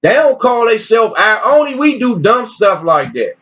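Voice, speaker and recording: Brief: man, fairly high voice, animated preachy teacher, muffled lo-fi recording. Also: moderate pace. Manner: animated, preachy, repeats phrases. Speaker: religious teacher. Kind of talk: informal teaching, reading articles aloud with commentary. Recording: dull lo-fi recording.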